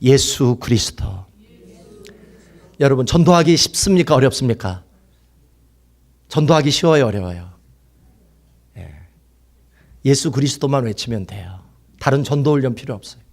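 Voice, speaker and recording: A male pastor preaching a fervent sermon, swinging from loud exclaiming to hushed whispers and having the congregation repeat lines after him. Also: mid-range voice, lively intonation, normal speed, long pauses.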